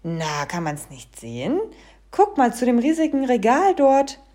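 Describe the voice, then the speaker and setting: A woman's voice: fairly high pitch, wildly swooping pitch, unhurried, warm tone, voice pushed up. A woman reading a storybook aloud, voicing a busy little male dwarf who talks in a blunt, matter-of-fact way. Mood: gruff.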